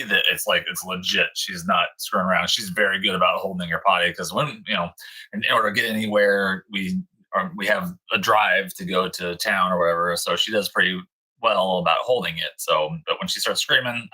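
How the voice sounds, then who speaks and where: A man's voice: sits low, fairly even intonation, normal speed, sharp tone, slightly rough, rough recording. A man in his thirties, rambling through a story with lots of fillers on a casual livestream. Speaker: co-host of a dog breeder livestream.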